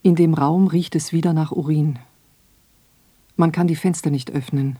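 A woman reading her own radio essay in a slow, measured, reflective way. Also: low voice, fairly even intonation, mellow. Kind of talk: scripted radio essay narration.

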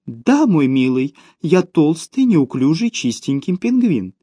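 A man's voice: on the high side, very animated, slow, dark tone, dry recording, clean studio sound, full character voice. A man voicing a ruthless, domineering woman who mocks her partner in a cutting tone for an audiobook. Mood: purring. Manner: sneering, cutting. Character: cold, mocking, domineering woman, ruthless schemer. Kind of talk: audiobook character voice.

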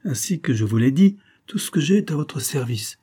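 A man's voice: medium pitch, big pitch swings, normal speed, dark tone, slightly rough. A male reader voicing a weak, nervous young baronet in an audiobook, pleading and feebly defiant. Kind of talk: audiobook character reading.

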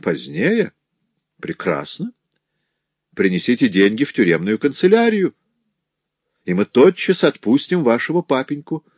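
A man voicing a coarse, rude male bailiff in a storybook reading, loud and mocking. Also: medium pitch, sing-song, measured pace, pauses often, breathy edge, no echo, voice pushed up.

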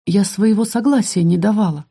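A reader voicing a stubborn, defiant young female student in a fantasy audiobook, speaking in a quiet, guarded way. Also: mid-range voice, brisk, breathy edge.

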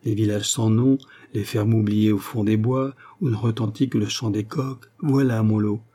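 A man's voice: fairly low pitch, fairly even intonation, moderate pace, warm tone, natural voice. A man voicing a shy, naive young clerk who dreams of solitude. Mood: dreamy. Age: young adult.

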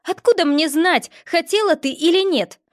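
A woman voicing a spoiled young princess who turns from sweetly innocent to shrill and furious in an audiobook. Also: lively intonation, moderate pace, no echo, clean studio sound. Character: haughty young princess, spoiled, quick to rage. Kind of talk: audiobook character voice.

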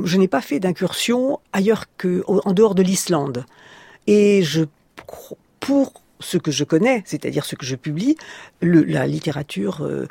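Gravelly older Frenchwoman telling an anecdote. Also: lowish voice, dry recording. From France. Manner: animated anecdote-telling, hesitant fillers. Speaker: publisher, interview guest. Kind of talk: radio interview, storytelling.

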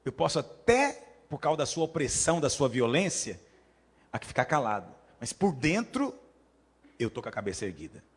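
A man with a Brazilian Portuguese accent preaching a sermon as pastor, telling stories and acting out voices, swinging from quiet asides to loud emphatic peaks. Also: mid-range voice, big pitch swings, moderate pace, husky.

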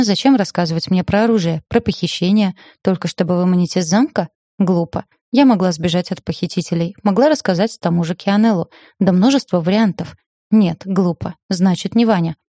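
A woman's voice: on the low side, warm tone, no echo. A woman narrating a first-person audiobook in a wry, ironic storytelling manner, close to the mic.

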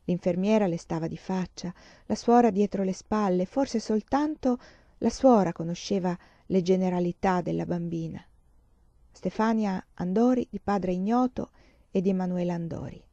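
A woman reading a novel aloud in a measured, expressive way. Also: lowish voice, no echo, highs cut off. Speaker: audiobook reader. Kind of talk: literary reading.

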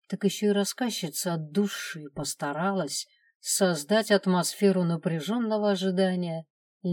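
A woman narrates a first-person audiobook in a calm, steady way. Her voice is low and mellow. It is recorded close and dry, with no room sound. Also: dry recording.

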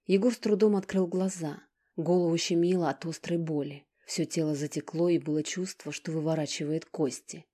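A woman reading a novel aloud in measured, dramatic scripted narration. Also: deep voice, fairly even intonation, mellow. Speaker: audiobook narrator.

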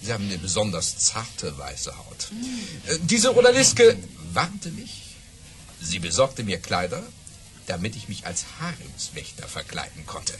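An actor playing a boastful baron who spins tall tales with theatrical pauses and grand flourishes in a children's audio drama. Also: male voice, lowish voice, huge pitch swings. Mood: grand storytelling.

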